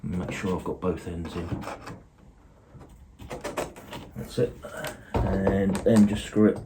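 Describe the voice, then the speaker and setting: A man casually talking through his model railway build, relaxed and rambling with lots of fillers, recorded indoors at a table. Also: low-pitched, unhurried, heavy background noise. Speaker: model railway hobbyist host. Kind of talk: casual workshop vlog. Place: indoors at a dining room table layout.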